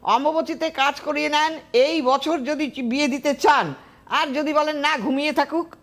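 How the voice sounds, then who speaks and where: A woman's voice: high voice, steady tone, moderate pace. A woman astrologer, giving firm, emphatic predictions to callers on a TV call-in show.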